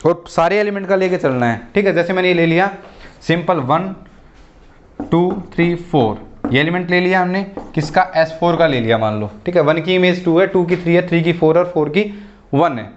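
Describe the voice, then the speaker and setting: Lo-fi audio captures a man lecturing on math at a normal speed in a mix of Hindi and English, his voice a little high. Going example by example, he punctuates his explanations with "ठीक है" ("theek hai") and "okay."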